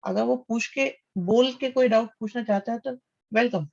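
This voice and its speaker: A man's voice: extremely high pitch, moderate pace, creaky, a little mellow, dull audio. A man teaching maths in a live online class. He calls students "beta," reads out their names, praises their answers and repeats his questions back to them.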